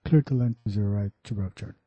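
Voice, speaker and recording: A man's voice: fairly low pitch, racing, warm tone, breathy edge, no room sound. A man talking as a pilot over a cockpit headset radio, giving clipped, procedural readbacks. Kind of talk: aviation radio calls. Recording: muffled lo-fi radio audio.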